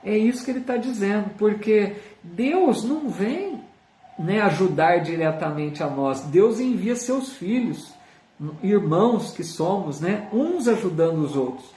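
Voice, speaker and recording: A man's voice: high-pitched, expressive, measured pace, warm tone. A man with a Brazilian Portuguese accent leading a live online Spiritist study, teaching earnestly with frequent tag questions and reading viewer comments aloud. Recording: roomy sound, speaker far from the mic.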